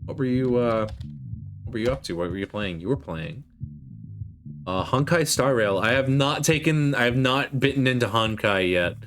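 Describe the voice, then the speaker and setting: A man's voice: mid-range voice, lively intonation, moderate pace. A man chatting casually on a live game stream as a VTuber, joking and rambling as he answers viewers. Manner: joking, rambling, self-deprecating, casually profane. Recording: loud game music behind the voice. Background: video game music.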